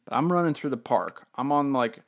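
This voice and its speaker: A man co-hosting a casual chat, telling a story in an animated, profane way with bursts of laughter. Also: mid-range voice, a little fast. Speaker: podcast co-host.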